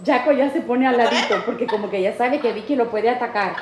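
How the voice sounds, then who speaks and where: High-voiced woman in an echoey room. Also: a little fast. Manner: playful, coaxing, sings and laughs often. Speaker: parrot channel host. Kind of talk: excited talk to camera and to her parrots. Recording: echoey room with faint noise.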